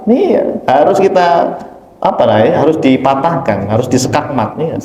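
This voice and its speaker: Animated male preacher in an echoey hall. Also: on the high side, moderate pace, dull audio. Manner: animated storytelling, constantly addressing listeners as "Pak"; emphatic, rising sharply on key points. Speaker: Islamic preacher. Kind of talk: conversational mosque study lecture. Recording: echoey hall with long reverb.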